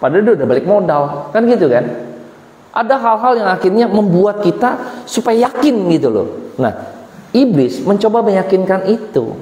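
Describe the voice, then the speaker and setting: Man, sermon, animated storyteller, roomy reverberant hall. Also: high voice, moderate pace. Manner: lively storytelling, acting out voices in his teaching. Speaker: preacher. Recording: echoey hall.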